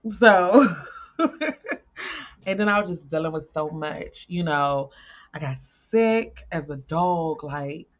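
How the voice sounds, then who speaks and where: A woman's voice: low voice, lively intonation, takes it slowly, pauses often, muffled recording. A woman tarot reader chatting casually to her viewers, repeating herself and swearing freely.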